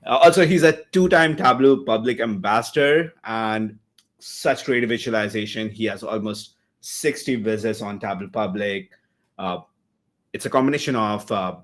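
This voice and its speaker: A man's voice: lowish voice, a bit bright. A man hosting an online meetup on a video call, introducing the next speaker in a chatty, joking way with fillers.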